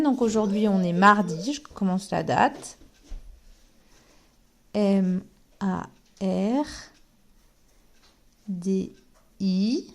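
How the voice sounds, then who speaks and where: Slow, patient woman teacher. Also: medium pitch, a little mellow. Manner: slow, spells letters out one by one while writing. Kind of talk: remote handwriting lesson.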